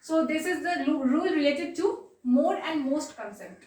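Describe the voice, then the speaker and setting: A woman teaching a grammar lesson, patiently repeating points and checking in with quick questions. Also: high voice, animated, darkish tone, far from the mic. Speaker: exam-prep English teacher. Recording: echoey room, voice set back from the mic.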